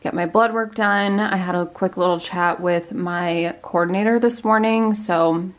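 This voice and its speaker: A woman's voice: lowish voice, steady tone, unhurried. A young woman talking candidly to her phone camera in a personal video diary, rambling and reflective. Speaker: vlogger.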